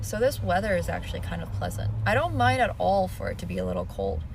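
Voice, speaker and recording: A woman's voice: medium pitch, quick pace, creaky, recorded from a distance. A woman from China chatting casually with viewers while streaming outdoors on a city street. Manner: chatty, relaxed, laughs often. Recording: outdoor stream with loud traffic noise. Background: loud traffic.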